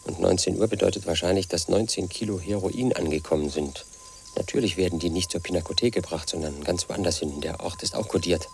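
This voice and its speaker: A radio play's lead actor, speaking a little fast in a low voice with vocal fry, plays a paranoid, lonely man aged 38. The brooding monologue is pedantic and confiding, full of his obsession with codes and statistics. Slight background noise is present.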